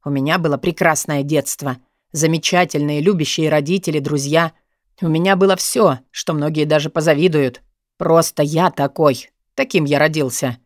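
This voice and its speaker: A woman narrator drops her voice to play a brooding, dominant man, speaking in a calm, weary, measured way so every line comes out firm and tired. The recording is close and dry with no room sound, and her voice stays natural.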